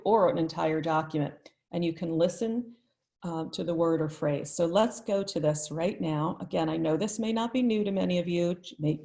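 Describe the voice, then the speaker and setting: A woman, a teacher trainer, giving a live online tutorial in a friendly, chatty way and thinking out loud as she goes. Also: on the low side.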